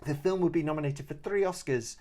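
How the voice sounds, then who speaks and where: A man's voice: a little high, a little fast, warm tone. Guy on a film podcast, playful and jokey, reading plot bits then chatting. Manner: playful, teasing, laughs easily. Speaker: podcast host.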